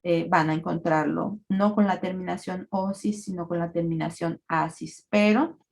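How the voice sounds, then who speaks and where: A woman giving a recorded parasitology lecture, explaining terms in a measured way with frequent fillers. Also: on the low side, steady tone, creaky.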